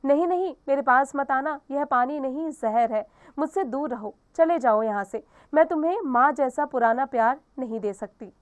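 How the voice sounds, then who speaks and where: A woman's voice: sits high, normal speed, close to an everyday voice. A woman reading the part of a dying, polluted river as a weary female figure, in a sorrowful, pleading manner.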